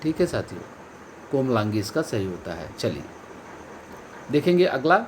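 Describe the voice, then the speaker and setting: A man's voice: medium pitch, big pitch swings, moderate pace, background noise. A male coaching teacher giving an online exam-prep lesson, stressing each key word and repeating the correct answer. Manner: addresses viewers as friends and companions.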